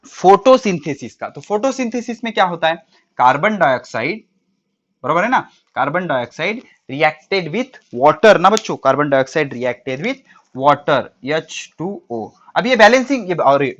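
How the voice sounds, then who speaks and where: A man's voice: fairly high pitch, fairly bright tone. Guy teaching a class, asks then answers his own questions, throws english words in, muffled lo-fi audio. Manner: mixes English terms into Hindi speech. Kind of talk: classroom lecture to students. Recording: dull lo-fi recording.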